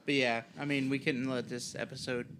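A man's voice: medium pitch, level tone, brisk, noisy background. Easygoing dude-talking man. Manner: easygoing, heartfelt, calls people dude. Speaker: podcast co-host. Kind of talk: casual chat.

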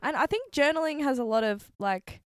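A woman's voice: high-pitched, lively intonation, fairly quick, no echo, studio quality. A woman co-hosting a podcast in casual chat, bubbly and enthusiastic with frequent giggles. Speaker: podcast co-host.

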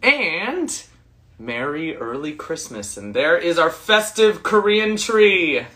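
Cheery podcast cohost, bright voice, laughs a lot. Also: mid-range voice, very animated, takes it slowly. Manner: upbeat, laughs often. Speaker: podcast co-host. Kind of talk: casual podcast chat.

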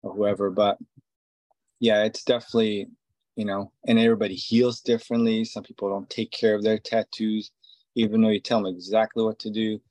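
A man's voice: fairly low pitch, level tone, a little fast, a little mellow, no room sound. A man in his forties from Israel, a tattoo artist, talking casually in an interview and rambling with many fillers and restarts. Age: 40s.

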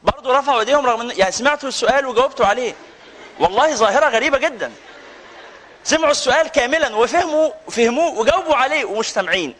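Egyptian sheikh guy talking super fast to a lecture room, jokey, on a mic. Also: extremely high pitch, lively intonation, a bit bright, a faint crowd, a little hiss or hum. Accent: Egyptian Arabic. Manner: joking, teasing his audience. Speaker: sheikh giving a lecture course. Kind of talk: live religious lecture with banter. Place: lecture room with a live audience. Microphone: handheld or stand mic, with some feedback whistle.

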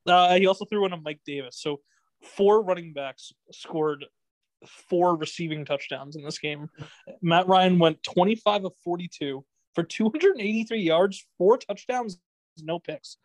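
A man's voice: high voice, measured pace, no room sound, rough recording. A young man hosting a casual sports podcast, rambling with restarts and laughing often. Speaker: podcast host.

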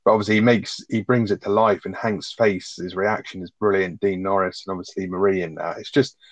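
A man with a low voice, talking fast and with strong opinions in a relaxed recap chat. He swears freely. The recording sounds dull and dry, with no room in it. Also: dry recording. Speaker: podcast co-host.

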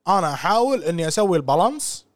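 A man co-hosting a casual podcast chat, animated and slipping English phrases into his talk. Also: high voice, racing, no room sound, clean studio sound. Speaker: podcast co-host.

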